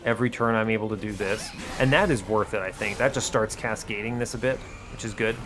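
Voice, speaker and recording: Music plays behind this host of an educational gaming video series, whose fairly low voice moves briskly. He muses aloud through relaxed, chatty commentary full of breezy, wry understatement.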